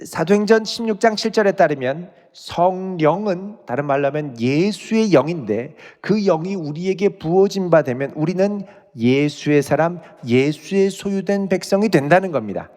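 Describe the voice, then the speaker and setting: A man's voice: sits high, animated, moderate pace, hardly any pauses, darkish tone. A male pastor giving an expository sermon, reading scripture aloud and explaining it verse by verse. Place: church sanctuary. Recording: church sanctuary with long reverb.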